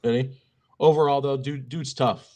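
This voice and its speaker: A young man co-hosting a casual sports podcast, joking and filling pauses with lots of ums. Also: medium pitch, steady tone, warm tone. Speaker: podcast co-host.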